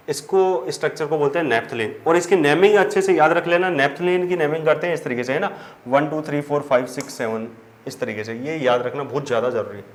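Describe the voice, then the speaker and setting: A man, teaching chemistry at a board, explaining step by step and answering his own questions. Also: fairly high pitch. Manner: addresses students as children. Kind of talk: whiteboard lesson. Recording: faint background noise.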